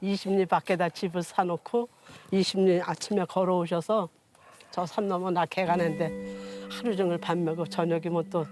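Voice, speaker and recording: A woman in her sixties appears as an interview guest, relating personal stories in plain, homely, unpolished speech while music plays behind her. Her voice is fairly low and darkish, with little pitch movement. She keeps to a moderate pace.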